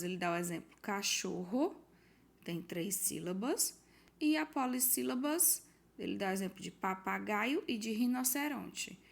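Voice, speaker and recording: A woman's voice: medium pitch, vocal fry. A woman teacher from Brazil patiently walking pupils through a worksheet, reading out the questions and giving hints. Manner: patient, explanatory, reads out questions and gives hints. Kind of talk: recorded homework walkthrough for pupils.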